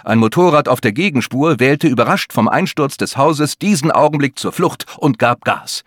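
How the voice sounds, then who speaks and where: A male audiobook narrator reads a tense thriller with dramatic delivery. His pitch moves a lot, and the sound is dry and close with no room echo. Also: lively intonation, moderate pace. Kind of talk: scripted narration.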